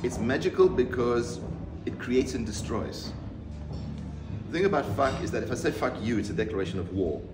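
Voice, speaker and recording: A man in his fifties from South Africa, an artist answering interview questions in a measured, reflective way with pauses and restarts. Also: medium pitch, lively intonation, over music. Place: room with bookshelves, seated in leather armchair. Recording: roomy, distant mic, audible background noise.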